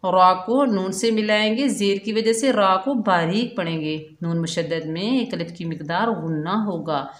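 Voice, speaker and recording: Woman, patient recitation teacher, chanted drawn-out words, roomy echo. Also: medium pitch. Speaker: Quran tajweed teacher. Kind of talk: step-by-step recitation lesson.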